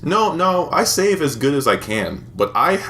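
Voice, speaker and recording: Young guy co-hosting a podcast, rambly crude storyteller, lively swooping pitch, faint hiss behind. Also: unhurried. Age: 20s. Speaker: podcast co-host. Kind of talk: casual chat.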